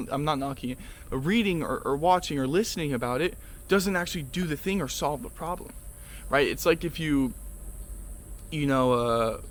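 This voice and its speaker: A man's voice: mid-range voice, a bit bright, a little hiss or hum. A young man vlogging a casual motivational monologue, rambling with lots of fillers, restarts and swearing.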